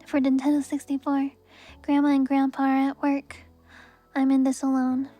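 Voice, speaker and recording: A young woman reading a book aloud in a soft, even ASMR reading voice. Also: sits high, normal speed, soft background music. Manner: soft, even reading voice with brief laughs at the text.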